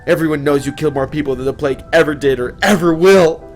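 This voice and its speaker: A man's voice: quick pace, faint music behind, natural voice. A man voicing a furious grieving widow who screams and sobs at the soldiers in a storybook reading. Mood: screaming. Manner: shrill screaming and sobbing.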